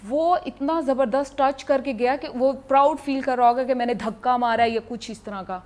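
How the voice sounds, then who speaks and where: A woman athlete, a guest on a talk show, tells an anecdote in a lively, animated way. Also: high voice. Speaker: martial arts athlete guest. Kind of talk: casual interview storytelling.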